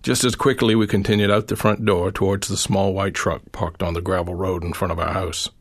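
A middle-aged man reading his own memoir essay aloud, in a quiet, measured storytelling manner. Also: deep voice, flat delivery.

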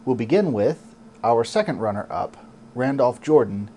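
A man hosting a podcast, giving a scripted introduction in an even, announcer-like way. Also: mid-range voice, moderate pace, slight background noise. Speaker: podcast host.

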